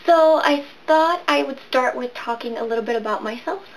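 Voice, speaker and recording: A woman's voice: high voice, poor audio. A woman in her twenties, raised in Venezuela and California, talking casually to camera in a rambling, chatty way about books. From Venezuela and San Diego, California. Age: 20s. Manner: chatty, rambling, quick bursts. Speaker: booktuber.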